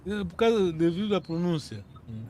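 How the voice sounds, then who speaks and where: A man's voice: high-pitched, very animated, normal speed, mellow, slight background noise. A man teaching a language lesson, patiently repeating words and correcting his students' pronunciation.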